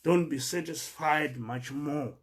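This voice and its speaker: A man's voice: on the high side, slow pace. A man from Zimbabwe with a Zimbabwean accent, giving an earnest monologue that cites scripture and stumbling as he repeats words while searching for the next. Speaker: speaker addressing fellow migrants.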